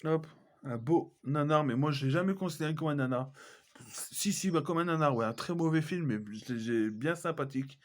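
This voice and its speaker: A man's voice: on the high side, moderate pace. A man chatting casually as he shows his film collection, hesitant, with many fillers and self-corrections. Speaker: collector vlogger. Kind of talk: casual unboxing chat.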